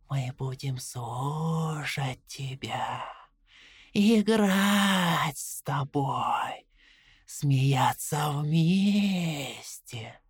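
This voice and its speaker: A woman voicing a dead, whispering old man made of rats, slow and coaxing in an audiobook. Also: deep voice, dry recording, heavily acted. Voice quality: breathy whisper. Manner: slow, wheedling, tempting. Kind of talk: audiobook character voice.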